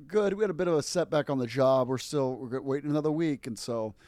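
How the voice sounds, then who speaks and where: A man with a mid-pitched voice chats casually as a host. He has a wry, teasing manner, and the sound is close and dry, with no room echo. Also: fast talker, darkish tone. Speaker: podcast host. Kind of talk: casual conversational chat.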